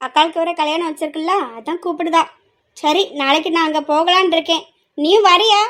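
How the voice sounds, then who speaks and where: Woman voicing a fretful middle-aged mom, slow, pleading, high and bright. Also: fairly even intonation. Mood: worried. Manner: slow, pleading, scolding at times. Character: worried middle-aged mother, pleading and weary. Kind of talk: amateur family drama.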